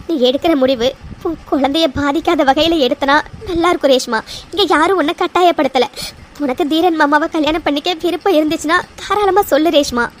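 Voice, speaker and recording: Gentle young cartoon woman, woman voicing, very high and coaxing. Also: slight background noise, close to an everyday voice. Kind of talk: cartoon voice acting.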